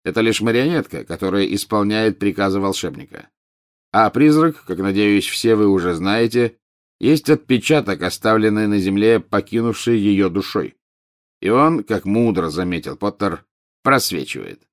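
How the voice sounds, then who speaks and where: A man voicing a cold, contemptuous male teacher who talks in a slow drawl. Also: fairly low pitch, animated, natural voice. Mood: sneering.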